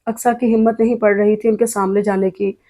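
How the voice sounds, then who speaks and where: A woman reading a romance novel aloud as narrator, in a measured, even way. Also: medium pitch. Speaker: audiobook narrator.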